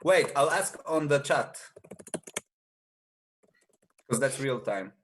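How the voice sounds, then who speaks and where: A man's voice: medium pitch, lively intonation, slow pace, a little hiss or hum. A man chats casually on a video call. He talks in a rambling, hesitant way with lots of fillers. He laughs easily. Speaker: band member.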